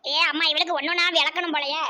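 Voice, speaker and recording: In an amateur cartoon comedy, a woman voices a bossy, sharp-tongued village mother who chatters mockingly in a southern Tamil Nadu accent. Her voice is high and steady, and she talks fast.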